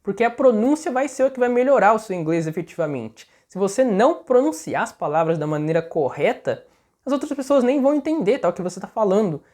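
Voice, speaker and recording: A woman's voice: medium pitch, sing-song, brisk, darkish tone. A woman with a Brazilian Portuguese accent giving a casual English lesson on video. She talks in a chatty way and keeps checking in with the listener. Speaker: English teacher.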